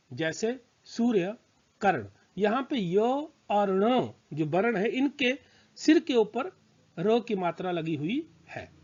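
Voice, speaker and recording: A man's voice: sits high, a little mellow. A man teaching a grammar lesson to students, patiently repeating example words and checking that they understand. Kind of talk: slow spoken grammar lesson. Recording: slightly dull lo-fi sound.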